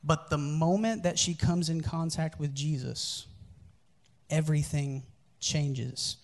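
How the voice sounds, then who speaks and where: A man's voice: fairly high pitch, fairly even intonation, slow pace, darkish tone. A man preaching a sermon as pastor, telling candid personal stories in a conversational, earnest way.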